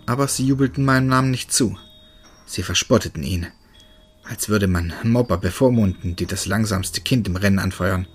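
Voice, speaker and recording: A man narrating a first-person horror story in a steady, tense manner. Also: fairly low pitch, moderate pace, slightly rough, faint music behind.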